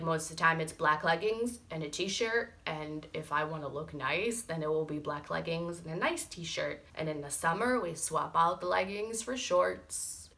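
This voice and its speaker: A woman's voice: lowish voice, bright, forceful tone. A young woman from Morocco chatting candidly in a get-to-know-me vlog, frank and talkative. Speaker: vlogger. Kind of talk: casual get-to-know-me chat.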